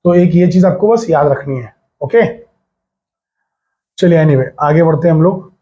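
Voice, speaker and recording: A man's voice: fairly high pitch, measured pace, mellow. Chatty man teaching physics. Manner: chatty, repeats key words, mixes English in. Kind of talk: casual board exam lecture.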